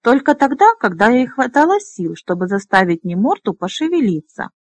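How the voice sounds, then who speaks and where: A woman's voice: on the high side, sing-song, moderate pace, no room sound. A woman voicing a drowsy, fretful older male dragonrider who mumbles hesitantly, in a fantasy audiobook. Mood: mumbling.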